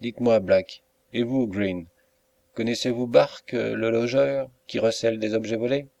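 A man reading an audiobook, voicing a calm, commanding male police inspector. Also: mid-range voice, moderate pace, gravelly, dry recording, dull audio, close to an everyday voice. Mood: firm. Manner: steady, commanding.

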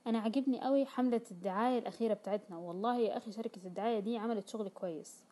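A woman playing an easygoing male business partner who cheerfully stands his ground. He speaks up loudly, a touch higher than usual, and at a quick pace. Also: lightly acted. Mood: upbeat. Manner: cheerful, defending his view.

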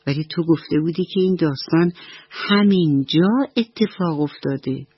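A woman's voice: sits low, husky, no echo, dull audio. A woman voicing a curious young fish asking questions.

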